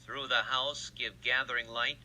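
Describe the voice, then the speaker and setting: A man's voice: medium pitch, steady tone, moderate pace, sharp tone, rough recording. An actor playing a regal, solemn fairy king, speaking a ceremonial blessing in verse. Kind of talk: recorded stage reading of verse.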